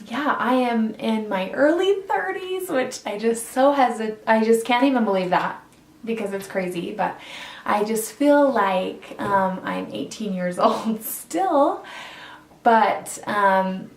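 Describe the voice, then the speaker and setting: A woman's voice: mid-range voice, animated, slow pace. A woman in her thirties chatting casually to camera as a vlogger, earnest and rambling with frequent ums and restarts. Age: 30s. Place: indoors in a borrowed home. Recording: roomy sound from a distant mic.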